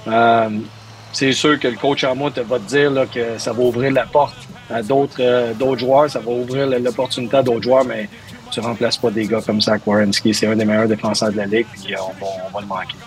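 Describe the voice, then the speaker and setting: Speaking fairly quickly in a steady, mid-range voice, a hockey coach from Montreal fields interview questions in a Quebec French accent. He pauses and repeats himself as he searches for words, and the audio quality is poor.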